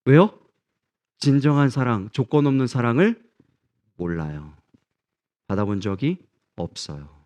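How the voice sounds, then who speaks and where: A man's voice: medium pitch, animated, measured pace, long pauses, a little mellow. A middle-aged man preaching a sermon as pastor, earnest and often putting questions to his congregation.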